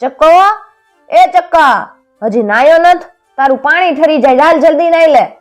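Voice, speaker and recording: A woman voicing a busy village mother, calling out loudly and hurrying her son. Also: high voice, rapid-fire, faint music behind, voice pushed up, natural voice.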